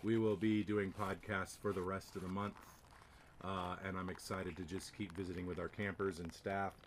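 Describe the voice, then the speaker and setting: A man's voice: low-pitched, little pitch movement, moderate pace, a little hiss or hum. Chatty man hosting a camp podcast. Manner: friendly, affirming, many fillers. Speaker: podcast host. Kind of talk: casual interview.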